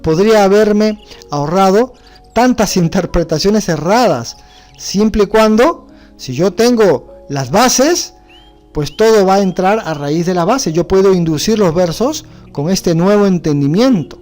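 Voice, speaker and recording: A man gives a religious studies lecture, walking his class through word meanings step by step and dropping frequent rhetorical checks to see that everyone follows. His voice sits somewhat high for a man, and faint music runs underneath. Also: lively intonation, unhurried, a little mellow. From Bolivia. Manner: explanatory, asks rhetorical questions with frequent "¿no?". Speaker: teacher.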